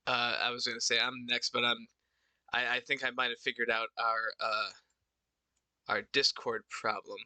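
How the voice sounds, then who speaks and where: Midwestern male podcast host, halting casual delivery, very bright tone, dry close sound. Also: medium pitch, flat delivery, no echo. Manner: halting, many restarts and fillers. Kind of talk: casual stream chat.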